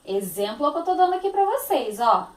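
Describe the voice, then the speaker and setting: A woman's voice: high voice, big pitch swings, quick pace, echoey room. A woman teacher with a Brazilian Portuguese accent, giving a phonics lesson to young children, stretching out words in a sing-song, affectionate manner.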